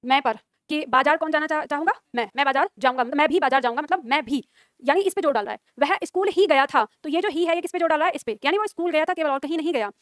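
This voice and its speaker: A woman's voice: high voice, expressive, quick pace, no echo, clean studio sound. A woman teaching a Hindi grammar exam-prep class, dictating notes, repeating lines and quizzing her students.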